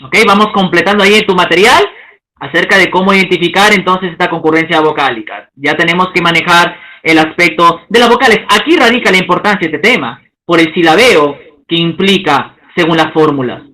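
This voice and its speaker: A man teaching a lesson, stretching out example words slowly and checking in with the class. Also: high voice, bright, forceful tone, poor audio. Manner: slow, drawn-out spelling of example words; checks in with listeners, asking okay.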